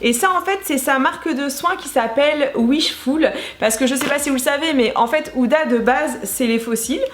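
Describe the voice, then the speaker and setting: A woman's voice: sits high, normal speed. Gushing woman vlogger in an echoey room. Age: 30s. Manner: gushing, enthusiastic, chatty. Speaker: beauty vlogger. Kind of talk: casual unboxing chat. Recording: echoey room, faint noise.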